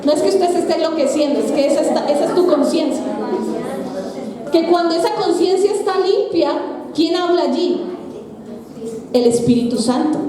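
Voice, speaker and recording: A woman's voice: very high-pitched, moderate pace, long pauses, crowd noise. A middle-aged woman pastor preaching a conversational sermon in church, asking the congregation questions as she goes. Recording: echoey church hall with long reverb.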